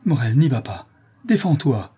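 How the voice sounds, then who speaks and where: A man's voice: lowish voice, normal speed, mellow, husky. A man voicing a distraught poor mother who begs the bailiffs to spare her husband, in raised pleading cries. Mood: frantic.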